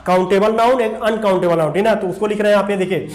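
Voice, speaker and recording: High-voiced teacher spelling words aloud. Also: male voice, racing, darkish tone. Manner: spells words letter by letter, repeats "देखिए" and "ठीक ना". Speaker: English grammar teacher. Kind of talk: whiteboard grammar lesson. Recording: echoey room with faint background noise.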